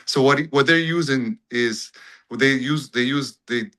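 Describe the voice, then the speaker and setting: A man's voice: mid-range voice, measured pace, pushed and bright, rough recording. A man, calling in to a chat over a video call and telling a story in an easygoing way. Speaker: audience member calling in.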